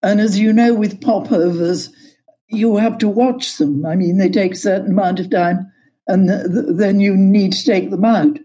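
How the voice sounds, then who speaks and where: An older woman from Yorkshire, England, recalling her cooking days as a guest in an interview, in a slow, measured way. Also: mid-range voice, steady tone, warm tone, low-quality recording. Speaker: guest, cookbook author. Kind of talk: interview over a call.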